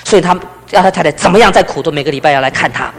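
Fast high-voiced preacher. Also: male voice. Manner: storytelling, swings from loud emphasis to hushed low passages. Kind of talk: testimony sermon. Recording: long hall reverb.

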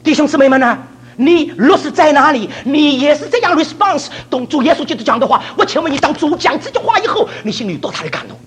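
A man's voice: very high voice, expressive, fast talker, a bit bright. An older man from China preaching a sermon, laughing often and mixing English words into his talk.

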